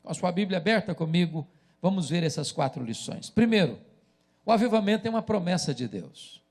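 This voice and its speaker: A man with a Brazilian Portuguese accent preaching a sermon as pastor, dramatic and rising to loud chanted cries. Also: high-pitched, lively intonation, brisk.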